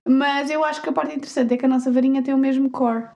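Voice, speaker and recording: A woman co-hosting a podcast with a fairly high voice. She chats casually and playfully, laughing easily and dropping English words into her talk. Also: fairly even intonation, fast, a little mellow. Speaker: podcast co-host. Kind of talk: casual chat.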